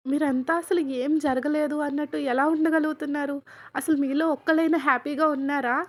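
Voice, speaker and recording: A woman voicing a furious young man who shouts accusations at his family in a spoken fan story. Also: high voice, steady tone, normal speed, pitched above the performer's own voice, lightly acted.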